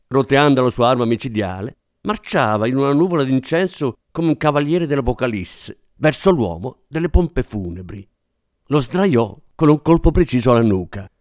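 A man reading a novel aloud as an audiobook narrator, expressive and dramatic. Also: medium pitch, no room sound, clean studio sound. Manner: expressive, dramatic, does character voices.

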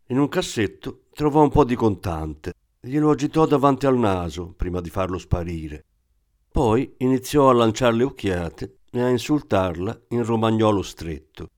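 A man narrating a novel in an even, measured reading voice. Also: medium pitch. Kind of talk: audiobook narration.

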